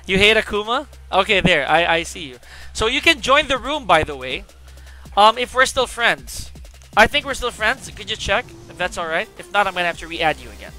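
Guy streaming a fighting game, super animated voice swinging all over, chatty and hyped, bit of music behind. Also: high-pitched, moderate pace. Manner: excitable and chatty, greets viewers. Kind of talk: casual live-stream commentary.

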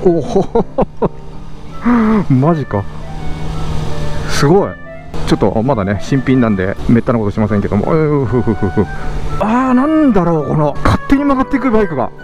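A man gives fairly quick, casual motovlog commentary from his helmet as he rides outdoors. Excited and laughing, he shifts from loud exclamations to low muttering and back. Background music accompanies the road and engine noise.

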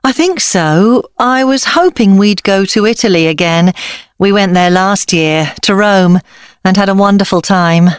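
An actress playing an easygoing mother chatting in a scripted dialogue, friendly and clearly enunciated. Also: medium pitch, a little slow, no echo, clean studio sound, natural voice. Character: easygoing mother chatting about family holiday.

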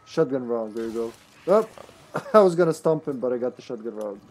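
A man in his thirties chatting casually and playfully as he streams a co-op game, excitable and talkative. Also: mid-range voice, fairly quick, a little hiss or hum. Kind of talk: casual chat while playing a co-op game.

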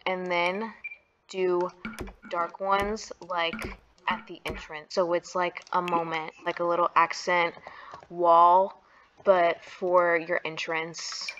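Slow-talking gushing woman gamer. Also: fairly low pitch, lo-fi sound, a little hiss or hum. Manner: gushing, excitable, slangy. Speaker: Sims builder and YouTuber. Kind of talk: casual gameplay commentary.

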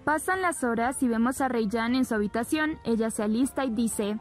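A woman narrating a soap opera recap in a steady storytelling way. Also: a little high, moderate pace. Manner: steady storytelling, repeating "le dice". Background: soft background music.

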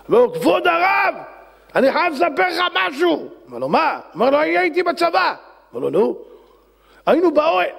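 A rabbi giving an animated sermon, acting out the people in his stories and sometimes shouting. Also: high voice, big-room sound. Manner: animated storyteller, acts out voices and shouts.

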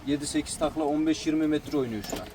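A man's voice: a little high, fast, darkish tone. A man, a bird breeder, informally describing his pigeons one by one in a matter-of-fact, respectful way, with cooing around him. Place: outdoors beside a pigeon coop. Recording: noisy outdoor recording with birds cooing. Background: cooing pigeons and outdoor noise.

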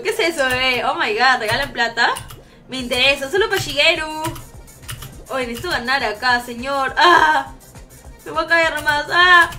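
A young woman streaming a game live, chatting with viewers, shrieking and swearing as she plays. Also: high voice. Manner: excitable, shrieks and swears while playing.

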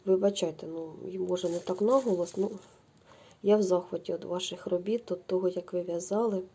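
A middle-aged woman, talking to her knitting audience in a loose, chatty way. Her voice is mellow and dark, a gravelly, slightly husky grain. She keeps calling her viewers girls and gushes over what she shows them. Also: on the low side, fairly even intonation, brisk. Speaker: knitting vlogger. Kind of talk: casual show-and-tell chat.

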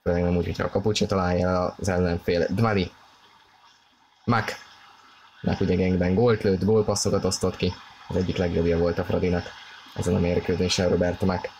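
A man giving excited play-by-play football commentary, often in terse bursts of player names. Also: deep voice. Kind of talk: play-by-play football commentary over a video game match. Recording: clearly noisy, game stadium ambience behind. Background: video game stadium ambience.

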